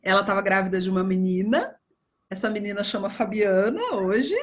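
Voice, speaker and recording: A woman surgeon, talking in a relaxed interview and acting out past conversations as she tells them. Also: medium pitch, a little fast. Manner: animated storytelling, acts out dialogue. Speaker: breast surgeon guest.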